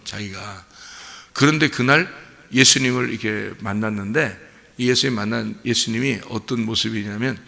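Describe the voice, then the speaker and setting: A man's voice: medium pitch, creaky, fairly bright tone. A man preaching a sermon as pastor, telling a story animatedly and asking his congregation questions. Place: church sanctuary. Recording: church hall reverb.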